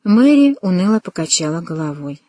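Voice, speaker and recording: A woman calmly reading a novel aloud as an audiobook narrator, in a measured way. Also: on the low side, dry recording. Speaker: audiobook reader.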